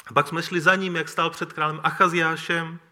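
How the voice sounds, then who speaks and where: A man reading a Bible story aloud and reflecting on it as a teacher, in a measured storytelling manner. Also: a little high, little pitch movement, bright, forceful tone. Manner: measured storytelling with occasional throat clearing.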